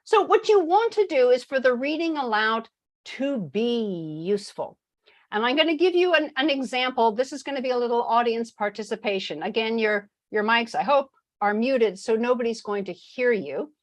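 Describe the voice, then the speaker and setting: A woman leading an online teacher workshop over a video call, chatty and animated, laughing easily as she explains. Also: a little high, moderate pace. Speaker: teacher trainer. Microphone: video call microphone.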